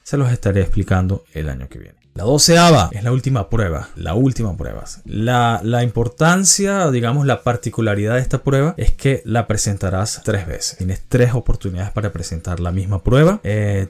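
A man's voice: on the low side, a little mellow. A man hosting a vocabulary quiz, patiently explaining and repeating each answer and its definition. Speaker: quiz host and organizer.

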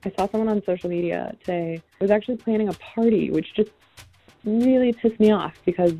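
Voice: mid-range voice, fairly quick, warm tone, highs cut off. A caller leaving a frustrated, blunt voicemail. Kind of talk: casual voicemail.

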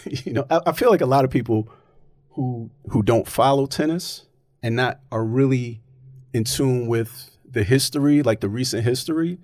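A man's voice: medium pitch, moderate pace, a little mellow, no echo, clean studio sound. A man in casual, opinionated chat, arguing his point emphatically and often checking in with "right?".

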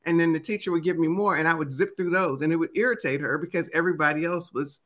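A woman in her fifties from the Washington DC area, an author and motivational speaker, tells personal stories as an interview guest in an animated, conversational style, voicing remembered dialogue. She has a DC accent and a deep, slightly bright voice with fairly even intonation, and she talks fast.

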